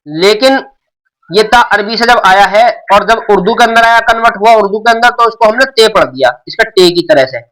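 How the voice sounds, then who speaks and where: A man's voice: sits high, a bit bright, rough recording. A middle-aged man teaching a beginners' alphabet lesson, explaining patiently and repeating himself often. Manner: patient, repetitive explaining with many restarts. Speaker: Urdu teacher. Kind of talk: classroom-style alphabet lesson.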